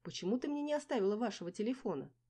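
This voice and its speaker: A woman's voice: mid-range voice, expressive, very fast, mellow, husky, voice pushed up. A woman reading an audiobook voices a chatty, fussing middle-aged mother who exclaims, laments and teases.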